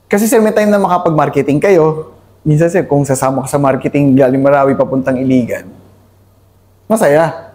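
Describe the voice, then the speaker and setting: A man's voice: a little high, brisk, a little mellow. A man from Cavite in the Philippines, an army officer, speaking earnestly as an interview guest and adding "sir" to nearly every phrase. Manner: earnest, mixes English into his talk. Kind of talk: candid interview talk.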